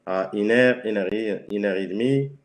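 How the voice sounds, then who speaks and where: A man from Spain with a Spanish accent, a native Spanish speaker, describing his work simply and haltingly. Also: on the low side. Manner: halting, searching for words. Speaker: cleaner, webinar guest. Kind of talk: simple self-presentation. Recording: very echoey room.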